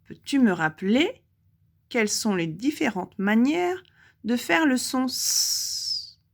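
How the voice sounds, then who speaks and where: Slow, careful French teacher woman. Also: a little high, big pitch swings. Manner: slow, clearly articulated, pauses for the child to answer. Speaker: primary school teacher. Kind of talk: recorded lesson for young children.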